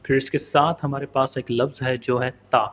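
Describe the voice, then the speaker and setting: A man teaching the pronunciation of Arabic letters in a patient, step-by-step lesson, slowly demonstrating and repeating each sound. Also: mid-range voice, flat delivery, a bit bright, highs cut off, slight background noise. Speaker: Quran recitation teacher.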